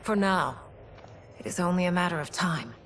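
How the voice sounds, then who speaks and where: A woman's voice: on the low side, expressive, moderate pace, slight background noise. Kitana, a regal warrior queen. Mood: resolute. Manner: soft, earnest, often hushed. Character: regal female warrior queen, proud but weary. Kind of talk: video game cutscene acting. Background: dramatic game score.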